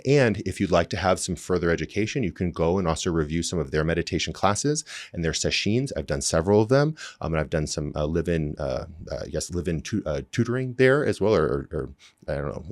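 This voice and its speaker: A man's voice: low voice, no room sound, clean studio sound. A man teaching meditation in a casual, explanatory way, informal and conversational.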